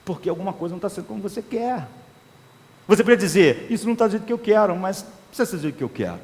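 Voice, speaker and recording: A man preaching with a very high voice, his words ringing out with a long reverb. He delivers an impassioned sermon and acts out the inner voices of desire. Every phrase trails off into the echo of a large hall. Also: lively intonation, rapid-fire, a little mellow.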